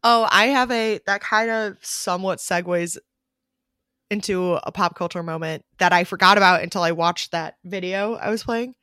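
A young woman co-hosting a podcast, chatting in an animated way with lots of "like". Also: on the low side, moderate pace, dry recording, studio quality. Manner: animated, full of fillers. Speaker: podcast co-host. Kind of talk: casual chat.

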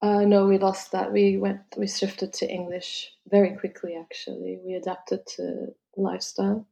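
A travel concierge from Lebanon, whose first language was French, answers interview questions at medium pitch in a monotone. Her voice has a gravelly edge and a dark, mellow tone. She speaks thoughtfully, often restarting and filling pauses.

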